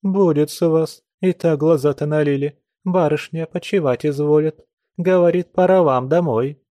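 A man's voice: on the high side, a little slow, dark tone, no room sound, studio quality, voice pushed up, close to an everyday voice. A man voicing a grumbling serving woman. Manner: grumbling, scolding.

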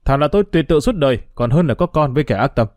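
A man's voice: mid-range voice, lively intonation, fast, a little mellow, no echo, studio quality, natural voice. A man reading a story aloud and voicing an angry, reproachful man who accuses a woman. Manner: harsh, reproachful.

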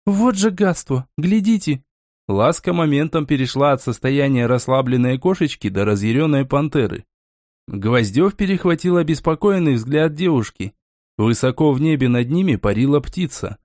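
A man reading an audiobook in steady storytelling narration. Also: medium pitch, moderate pace, no room sound, clean studio sound. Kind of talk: scripted narration.

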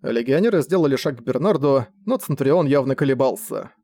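Expressive male audiobook narrator. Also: mid-range voice, a little fast, dry recording. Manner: expressive storytelling.

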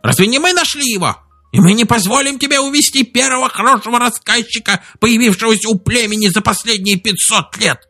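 Brief: shrill furious old chief, high squeaky yelling, storybook read-aloud. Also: male voice, a little fast, soft background music, full character voice. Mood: furious shrieking. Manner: shrieking threats, shrill and angry.

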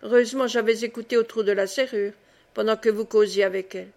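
A woman's voice: on the high side, fairly even intonation, fast talker, a little mellow, natural voice. A woman voicing a jovial, talkative lay brother and former soldier who chuckles and rambles through his stories.

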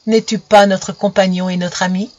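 A woman voicing a soft pleading rose flower. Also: mid-range voice, little pitch movement, moderate pace, dull audio, lightly acted. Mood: tender pleading. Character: gentle fragile female rose flower. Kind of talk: storybook reading.

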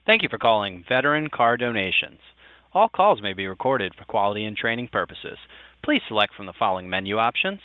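Recorded phone menu guy, lively up and down voice, tinny dry phone line sound. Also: fairly low pitch, brisk, slight background noise. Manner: polite, evenly paced menu reading. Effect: recorded automated phone menu. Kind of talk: scripted automated greeting.

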